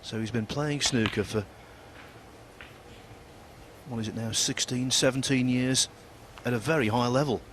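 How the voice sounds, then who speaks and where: A man giving live snooker commentary in a measured, analytical way. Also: medium pitch, fairly bright tone. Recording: crowd and noise behind the voice. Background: arena crowd ambience.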